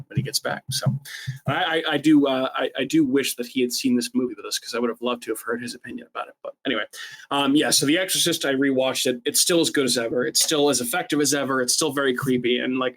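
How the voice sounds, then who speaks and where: A man's voice: mid-range voice, a bit bright, low-quality recording. A man co-hosting a horror podcast, chatting casually and rambling with restarts. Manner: fast-talking, rambling with restarts. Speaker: podcast co-host. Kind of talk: casual chat.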